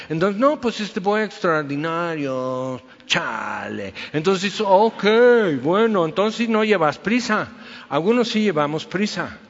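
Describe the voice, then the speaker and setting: Male pastor, chatty sermon full of rhetorical questions, fairly high voice. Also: fairly bright tone, long reverb tail, dull audio. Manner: conversational preaching with anecdotes and rhetorical questions.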